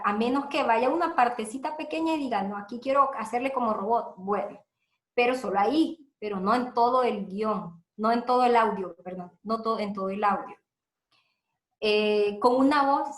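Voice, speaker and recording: A woman with a Honduran accent giving a seminar lesson, explaining step by step, repeating her points and often pausing on "eh". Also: mid-range voice, roomy sound. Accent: Honduran Spanish. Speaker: teacher giving a seminar talk. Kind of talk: instructional talk on recording radio audio.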